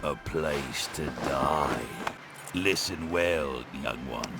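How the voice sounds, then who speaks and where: An actor playing a weary old veteran assassin in a video game, solemn and fatalistic, with grave, ominous delivery. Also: male voice, a bass voice, gravelly, full character voice. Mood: solemn, foreboding. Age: older. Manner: grave, slow, ominous pronouncements. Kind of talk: dramatic video game acting. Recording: loud music over the voice.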